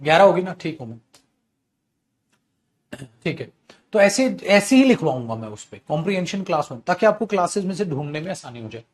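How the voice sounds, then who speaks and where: High-voiced man teaching English in Hindi. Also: big pitch swings, fairly quick, pauses often. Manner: chatty, coaxing students with bhaiya and beta; mixes Hindi with English examples. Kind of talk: online class lecture. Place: at home or in a studio, drinking tea while teaching.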